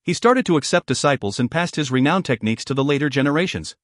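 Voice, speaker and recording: Male audiobook narrator, steady read, slightly high voice, dry close-miked sound. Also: quick pace, no echo. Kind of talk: scripted narration.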